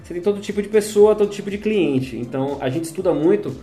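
A man hosting a casual panel chat, telling stories in animated, rushed bursts. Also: high-pitched, echoey room, faint music behind.

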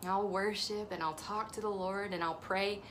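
A woman's voice: medium pitch, fairly even intonation, normal speed, a bit bright, slight background noise. Earnest woman giving a devotional talk. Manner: earnest, encouraging, preacherly. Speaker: ministry host. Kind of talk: devotional teaching.

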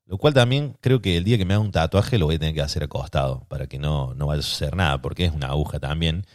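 A man's voice: rumbling low, quick pace, no room sound, clean studio sound. A young adult man with a Rioplatense accent telling a self-deprecating personal anecdote on his podcast. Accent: Rioplatense Spanish. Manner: self-deprecating, animated storytelling. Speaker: podcast host.

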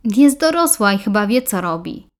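A woman's voice: medium pitch, very animated, normal speed, close to an everyday voice. A woman voicing an impatient grown son who brushes off worries dismissively.

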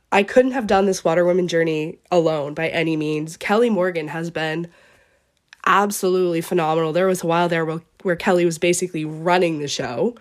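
A young woman from eastern Canada hosting a podcast, talking earnestly and at length, her voice sounding sick. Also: on the low side. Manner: earnest, gushing, rambling. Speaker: podcast host. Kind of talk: heartfelt solo podcast farewell.

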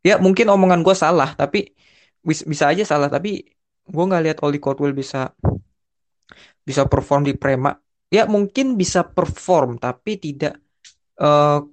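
A young man chatting casually as a podcast co-host, in informal slang with many restarts and bits of English. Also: a little high. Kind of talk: casual chat.

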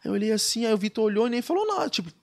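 A man's voice: sits high, very fast, vocal fry. A Brazilian man, a guest surfer on a podcast, telling a story in casual, slangy speech and acting out the dialogue. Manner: animated, slangy, acts out quoted dialogue.

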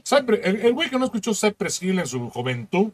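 Mexican male podcast co-host, crude laughing banter, voice a touch high. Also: very animated, brisk. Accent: Mexican Spanish. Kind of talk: casual comedy chat.

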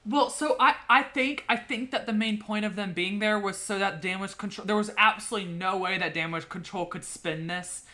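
Bright-voiced woman chatting casually. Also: mid-range voice, fairly quick, hardly any pauses. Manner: rambling, lots of fillers and restarts. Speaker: podcast co-host. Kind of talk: casual chat.

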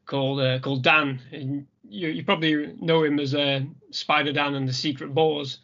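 A man's voice: fairly high pitch, fairly even intonation, normal speed, a bit bright, muffled recording. A man with a British accent, a guest in casual chat, chatty and often hesitant. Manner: chatty, hesitant with many ums. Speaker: guest, YouTube reviewer.

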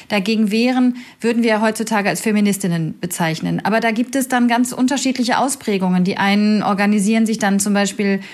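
Speaking as a guest expert, this woman university lecturer gives a long explanatory academic talk. She has a mid-range, darkish voice and comes across as thoughtful and hesitant, often using fillers.

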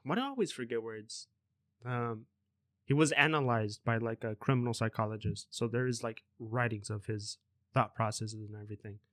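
A man's voice: medium pitch, moderate pace, a bit bright, dry recording, studio quality. A young man hosting a casual podcast, talking loosely and rambling through his notes. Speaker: podcast host.

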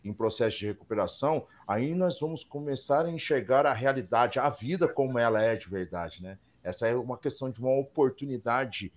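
A male podcast host in casual conversation, reflecting aloud and pausing to search for the right words. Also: medium pitch. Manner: reflective, searches for words, many short affirmations. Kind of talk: casual chat.

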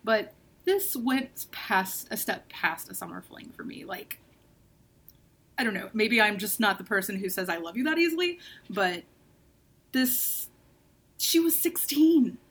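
A woman's voice: mid-range voice, animated, unhurried, fairly bright tone, husky. Frank, intense woman of twenty-nine. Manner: frank and intense, many "like" fillers. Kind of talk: casual book-club chat.

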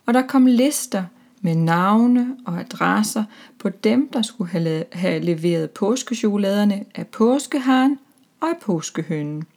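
A woman reading a children's story aloud in a calm, even storytelling manner. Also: mid-range voice.

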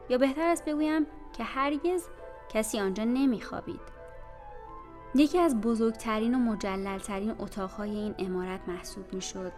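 A woman narrating an audiobook in a measured, literary reading style. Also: medium pitch, darkish tone. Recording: reverberant room with faint music.

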